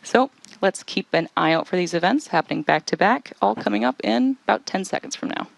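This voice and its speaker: A woman's voice: fairly low pitch, expressive, a little fast, gravelly, no echo. A woman hosting a live launch webcast, explaining technical steps in running commentary.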